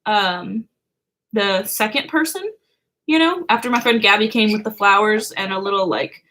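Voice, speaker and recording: A young woman hosts a birthday livestream from her home, chatting casually with viewers, giggling and saying "like" a lot. Her medium-pitched voice is fairly bright, and she speaks at a moderate pace.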